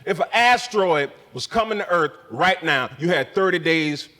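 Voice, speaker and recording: High-voiced ranting stand-up comedian. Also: male voice, lively intonation, moderate pace, long reverb tail. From Spokane area resident since 2001. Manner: profane, ranting, mocks locals in shouted voices. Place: comedy club.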